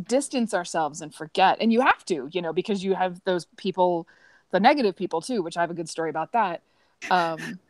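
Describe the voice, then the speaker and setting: A woman with a fairly low voice chats casually as an artist, telling animated stories and jumping way up in pitch whenever she quotes someone. The sound is dry and close, with no room around it. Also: no room sound. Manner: animated storyteller, rises high when quoting people. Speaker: artist, co-host. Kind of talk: casual chat.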